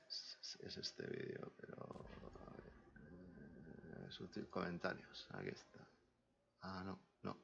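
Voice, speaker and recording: A man from Spain chatting casually on a live game stream, slangy and rambling, often drifting quietly away from the mic. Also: low-pitched, creaky, slight background noise. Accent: Spain Spanish. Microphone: desk mic, sometimes far from it. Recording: dull lo-fi stream audio.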